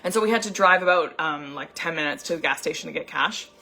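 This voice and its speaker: A young woman with a slightly low voice tells a personal story. She talks like a friend chatting, animated and loose, full of "like" and quick asides. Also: gravelly, slight background noise. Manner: chatty, animated, lots of "like" fillers. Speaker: anxiety coach. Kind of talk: casual storytelling vlog.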